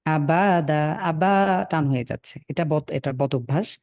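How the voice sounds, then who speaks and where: A man teaching Quran reading over a video call, patiently but firmly correcting students and spelling letters slowly. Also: fairly high pitch, a little mellow, no room sound, clean studio sound, faint music behind. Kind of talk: online class, correcting students.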